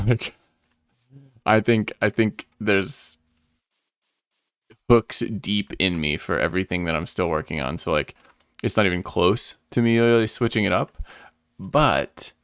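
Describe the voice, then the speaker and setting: A man's voice: sits low, a bit bright, clean tone, no room sound. A young man streaming a game, chatting casually and sleepily, rambling and thinking aloud with lots of fillers. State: sleepy, yawning. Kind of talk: casual livestream gameplay chat.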